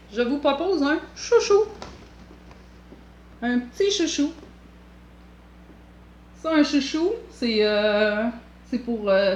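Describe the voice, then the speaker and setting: A woman's voice: on the high side, darkish tone, reverberant, muffled recording, a little hiss or hum. A woman with a Québécois accent hosting a knitting vlog, chatting casually in a rambling, playful way with jokey asides. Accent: Québécois French.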